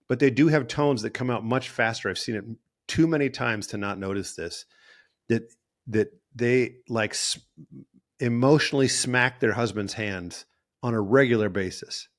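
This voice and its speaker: A male therapist and podcast host talking in a casual, rambling monologue, often correcting himself mid-sentence. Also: medium pitch. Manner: rambling, self-correcting, acts out quoted voices.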